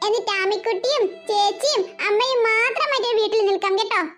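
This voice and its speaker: A woman doing a gentle cartoon big sister. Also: very high voice, fast talker, music in the background. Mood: tender. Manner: soothing, tender. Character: gentle caring older sister. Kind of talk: cartoon voice acting.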